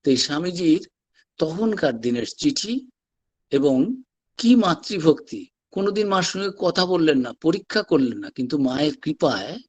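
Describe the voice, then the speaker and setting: A monk delivering a devotional talk at an online gathering, reading letters aloud and telling stories with animated quoted voices. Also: male voice, on the high side, normal speed. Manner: animated storytelling, voicing quoted figures. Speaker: monk giving a religious talk. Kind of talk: devotional discourse with read-out letters. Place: online satsang session.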